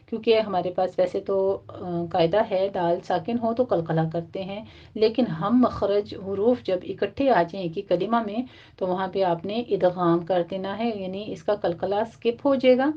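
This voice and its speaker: Female recitation teacher, methodical step-by-step explainer, slow chanted recitation, muffled lo-fi sound. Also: medium pitch. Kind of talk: tajweed lesson, explaining rules and reciting verses. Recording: dull, muffled lo-fi audio.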